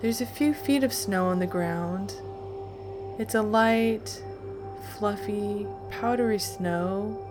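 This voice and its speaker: Slow, calm woman guiding meditation over music. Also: medium pitch. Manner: calm, soothing, deliberate with long pauses. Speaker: guided meditation narrator. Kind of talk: guided meditation, slow scripted narration.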